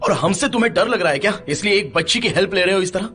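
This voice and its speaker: An actor playing a hot-tempered, protective elder brother in a dubbed TV drama, confrontational and threatening. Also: male voice, high voice, animated, fast talker, sharp tone, soft background music.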